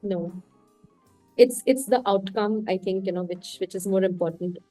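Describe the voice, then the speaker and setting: An Indian woman with an Indian English accent appears as a podcast guest in a casual interview, speaking candidly and reflectively as she talks through her thoughts. Her medium-pitched, dark voice runs at normal speed. The rough recording has no room sound and faint music in the background.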